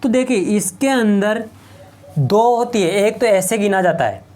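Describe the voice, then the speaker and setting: A man's voice: high-pitched, expressive, unhurried, a little mellow. A male teacher gives a patient, step-by-step board lecture. He goes over each point more than once and keeps asking his students questions before answering them himself. The faint scratch of a marker on a board runs behind him. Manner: repeats points and asks rhetorical questions. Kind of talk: whiteboard lecture.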